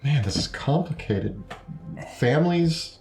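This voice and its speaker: A man's voice: mid-range voice, expressive, a little slow, creaky, music in the background. A man chatting casually as a player in a tabletop game. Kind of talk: casual chat. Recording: roomy echo.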